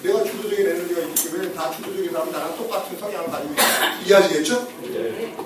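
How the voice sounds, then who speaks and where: High-voiced male lecturer in echoey hall. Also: quick pace. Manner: animated, joking, asks the audience for agreement. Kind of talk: personality-type lecture to an audience. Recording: echoey hall, voice from far off, noisy.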